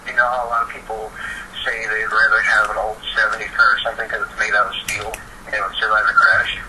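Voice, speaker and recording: A young man, teens or early adulthood, speaks quickly in a lowish voice that barely moves in pitch. He's a participant in a casual phone conversation, keenly explaining what he thinks, captured on a noisy recording where he sounds far away.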